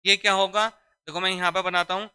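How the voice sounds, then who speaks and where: A man with a high, bright, forceful voice teaches a Hindi grammar lesson for exam preparation, speaking briskly with little pitch movement. He repeats key phrases, quizzes his students and calls them "beta," and the recording carries a little hiss or hum.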